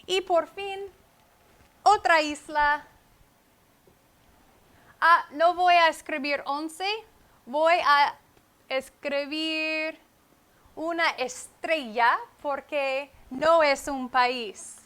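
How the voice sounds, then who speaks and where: A woman teaching Spanish with comprehensible input. She speaks slowly and deliberately, repeats key words and adds short English glosses. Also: high voice, steady tone, bright, forceful tone. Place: at a whiteboard. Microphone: wireless microphone.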